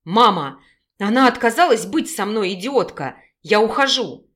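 Storybook figure: hot-tempered young werewolf man, shouts insults , voiced by a woman. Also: mid-range voice, lively intonation, normal speed, natural voice. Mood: furious.

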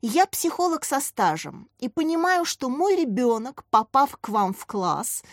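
A demanding know-it-all mother who lectures and talks down to everyone, as a woman reads her. Her voice rides higher than the narration. It comes across as audiobook storytelling. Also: no echo, studio quality. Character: pushy know-it-all female psychologist parent. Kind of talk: audiobook character reading.

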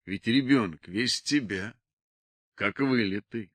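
A man voicing a gruff young village man who coaxes and persuades, in an audiobook reading. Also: fairly low pitch, slow, a bit bright, no echo, pitched below the performer's own voice. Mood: persuading. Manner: gruff, coaxing.

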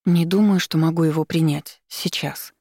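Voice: mid-range voice, fairly even intonation, normal speed, darkish tone, dry recording, clean studio sound, natural voice. Reader voicing a shy, stubborn young girl. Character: stubborn, shy nineteen-year-old girl.

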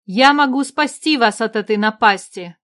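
A woman's voice: on the high side, normal speed, a bit bright, lightly acted. A woman reading a fantasy audiobook, voicing a commanding and resolute young queen with magic powers in a raised voice. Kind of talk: audiobook character voice.

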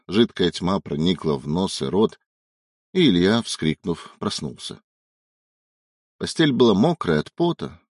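A man narrating a novel in an expressive, measured audiobook reading. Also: lowish voice, husky, no echo, studio quality. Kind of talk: scripted narration.

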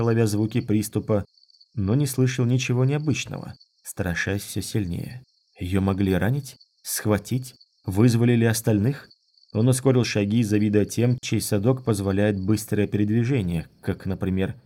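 A man narrating a fantasy audiobook in a measured, even reading. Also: lowish voice. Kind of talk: scripted narration.

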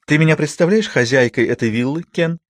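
A man's voice: a little high, brisk, no room sound, studio quality, voice pushed up, close to an everyday voice. Man doing a swooning theatrical young woman. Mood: grandiose.

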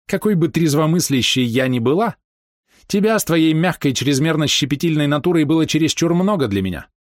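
A man's voice: a little high, expressive, a little fast, dry recording, studio quality, voice pushed up, natural voice. A man reading aloud and voicing a cruel, scheming woman who sneers and gives orders. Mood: contemptuous. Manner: sneering, commanding.

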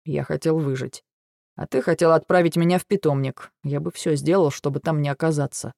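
A man voicing a gravelly, weary dragon. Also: a little high, fairly even intonation, a little fast, a little mellow, no echo, studio quality. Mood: dry. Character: weary, dry-witted male dragon servant. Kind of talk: audiobook dialogue reading.

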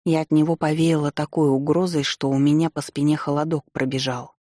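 A woman narrating a first-person audiobook with wry, lively storytelling. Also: deep voice, fairly quick, no room sound, studio quality.

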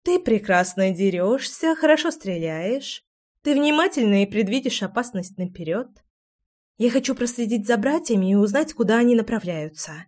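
A woman's voice: on the high side, lively intonation, normal speed, a little mellow. A woman voicing a playful, curious young woman who coaxes and teases in an audiobook scene. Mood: teasing. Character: lively teasing young woman, curious meddler.

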